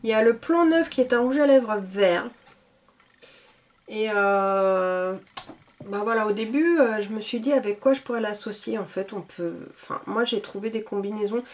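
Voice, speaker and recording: A beauty vlogger chats casually while showcasing products, speaking at a normal speed in a mid-range voice. She sounds enthusiastic and uses lots of fillers.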